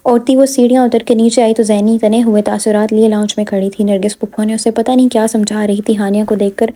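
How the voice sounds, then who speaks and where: A woman narrating a romance novel aloud at a steady pace, with occasional small slips and restarts. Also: medium pitch.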